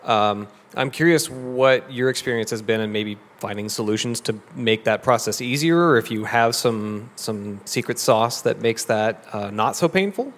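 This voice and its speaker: A man's voice: medium pitch, lively intonation, normal speed, few pauses. A man in the audience asking the panel a question, friendly and a bit hesitant. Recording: long hall reverb, faint room noise.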